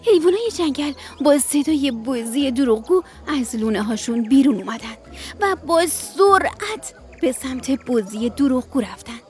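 A woman storyteller narrating a children's bedtime story on radio, gentle and expressive. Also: high voice, faint music behind.

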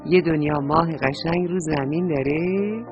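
A woman's voice: sits low, lo-fi sound, soft background music. A woman narrating a bedtime story for children, speaking tenderly and addressing them directly.

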